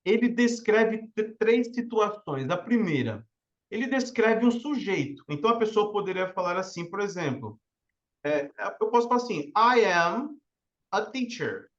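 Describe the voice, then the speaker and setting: A man's voice: sits high, animated, moderate pace. Brazilian man teaching, dull lo-fi sound. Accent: Brazilian Portuguese. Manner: explanatory, often checks in with listeners. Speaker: English teacher. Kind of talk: live online lesson.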